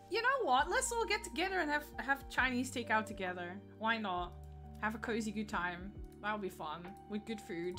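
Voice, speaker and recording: A woman with a Dutch accent chatting casually on a gaming livestream, giggling often and greeting viewers by name. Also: fairly high pitch.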